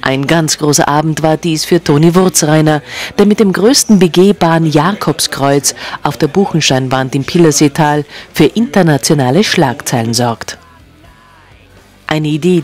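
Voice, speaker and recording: A man reading a scripted news voice-over in an upbeat, measured tone. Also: fairly high pitch. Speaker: news narrator. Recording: narration over music and crowd chatter. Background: music and crowd noise.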